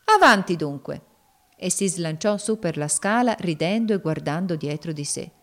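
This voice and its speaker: A woman narrating a classic novel in a measured, subdued audiobook reading. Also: lowish voice, darkish tone.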